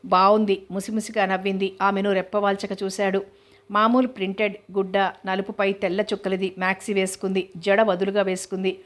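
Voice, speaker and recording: A woman reading a novel aloud as an audiobook, in a steady, even narrating voice. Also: mid-range voice, fairly quick. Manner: even, steady reading, voicing all characters lightly. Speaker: novel reader.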